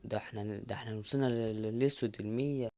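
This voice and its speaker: A young man with an Egyptian Arabic accent giving excited, joking gameplay commentary, counting reps aloud and talking straight to his viewers. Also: on the low side, fast. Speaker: gaming YouTuber.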